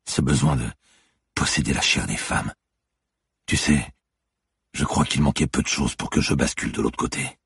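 A man's voice: extremely low pitch, moderate pace, gravelly, long pauses, fairly bright tone, husky, no room sound, studio quality, full character voice. A man reading a half-whispering menacing lieutenant.

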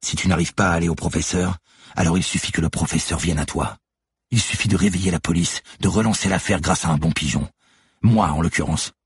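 In an audiobook, a man voices a relentless woman police detective who sets out her accusations steadily and methodically, in a cold, accusing mood. His voice is low and slightly breathy, his pace a little fast, and there's no echo.

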